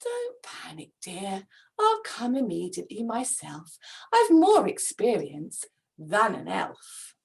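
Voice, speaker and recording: A woman voicing Father Christmas's smug, calm elderly wife, who soothes him and brags in rhyme. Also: mid-range voice, slow, vocal fry, pitched below the performer's own voice, heavily acted. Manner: soothing, then smug bragging.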